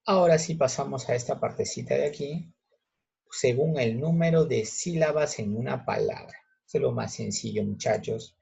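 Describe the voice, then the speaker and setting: A male teacher patiently explaining a grammar lesson step by step, checking in with students with quick questions. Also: mid-range voice, creaky, warm tone, slightly rough. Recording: muffled lo-fi recording.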